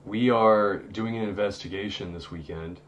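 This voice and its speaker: A man's voice: fairly low pitch, moderate pace, muffled recording, a little hiss or hum. A man in his thirties hosting a casual live stream from a home studio, talking in a loose, rambling way with many fillers and restarts. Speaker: host of a paranormal live stream.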